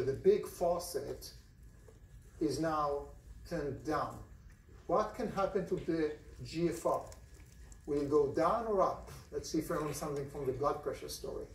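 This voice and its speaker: Recorded by phone from the seats of a big lecture hall, this clip has a distant, roomy quality and a slight hiss or hum. The speaker is a man with an Israeli accent whose voice sits on the high side and sounds a little mellow. He addresses a large university class casually and keeps turning questions over to the students.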